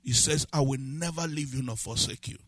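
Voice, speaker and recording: A man preaching a sermon as pastor, building from calm scripture reading to shouted, sing-song emphasis. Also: medium pitch, a little fast, dry recording.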